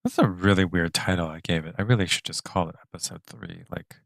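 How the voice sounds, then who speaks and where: Male streamer, deep voice, close and dry, muttering commentary while he works. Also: fairly quick, gravelly, a bit bright, dry recording. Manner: thinks aloud, muttering and whispering to himself. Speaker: 3D artist streaming his work. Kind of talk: live-stream narration of work.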